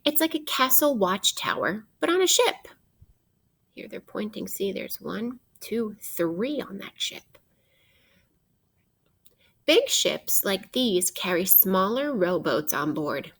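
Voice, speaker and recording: A woman teacher reading a children's nonfiction book aloud in an expressive, instructive way, addressing young listeners directly. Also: medium pitch, slow, breathy edge.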